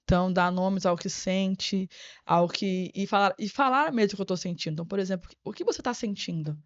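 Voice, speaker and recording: A woman's voice: medium pitch, fairly quick, smooth, dry recording. A woman guest on a podcast interview, an educator speaking in an earnest, reflective way and repeating words as she thinks. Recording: dry, slightly dull sound.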